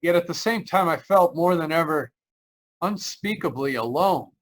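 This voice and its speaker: His voice fairly high and bright, a lead-narrator actor plays an uneasy motorist spinning an eerie road tale in 1940s radio mystery style. The delivery is hesitant, dramatic, and expressive at a moderate pace, with a haunted, brooding mood. He's heard over a remote video call.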